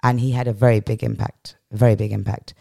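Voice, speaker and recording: A fast-talking, creaky bass voice with little pitch movement and a dark tone belongs to a middle-aged woman from England. Strong and powerful, she tells reflective personal stories as a podcast interview guest, repeating phrases for weight, with clean studio sound and no echo.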